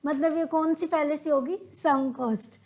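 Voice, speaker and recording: A woman's voice: sits high, steady tone, takes it slowly, darkish tone. A woman with an Indian accent teaching a classroom lesson on logical reasoning, patiently asking questions and then answering them herself. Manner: acts out everyday examples in quoted dialogue.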